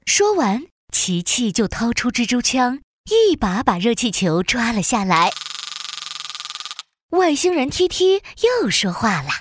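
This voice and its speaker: A woman narrator reading a scripted children's story in an animated storytelling style. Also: fairly high pitch, measured pace, dry recording.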